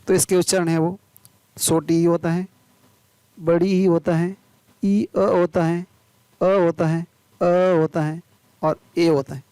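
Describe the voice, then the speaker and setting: A man's voice: a little high, little pitch movement, slow, pauses often, dark tone, smooth, dry recording. A man teaching English pronunciation, spelling words letter by letter and drawing each sound out, then asking questions and answering them himself. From India.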